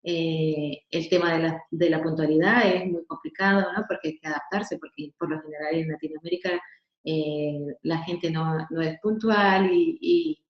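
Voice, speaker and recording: A woman moderates a webinar and chats about her own experiences, filling pauses and repeating words. Her voice sits a little low. The sound is dull and echoey over a computer mic. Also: steady tone. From Honduras. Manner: chatty, with frequent fillers and repeated words.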